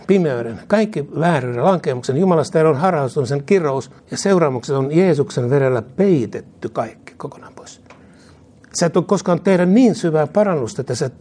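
Here an earnest preacher leads his congregation in prayer, giving it phrase by phrase so they can repeat it as part of his sermon. He sounds a little high and mellow, with a breathy edge.

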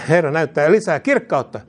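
Very animated and a little high-pitched, this man preaches an earnest sermon. He leads the prayer in pieces, one line at a time, for the congregation to repeat.

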